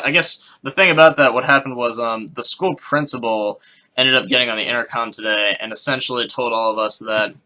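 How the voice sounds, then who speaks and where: A teenage boy vlogging in a casual, rambling way, full of fillers and restarts and quick laughs. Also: mid-range voice, bright, forceful tone, poor audio. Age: teens. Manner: hesitant, many fillers and restarts, laughs often.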